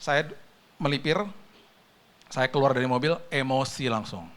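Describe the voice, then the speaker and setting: A man preaching a sermon, telling a story with humor and acting out the scenes, sometimes nearly shouting. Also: mid-range voice, moderate pace, smooth. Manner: raises voice to near-shouts at peaks. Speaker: pastor.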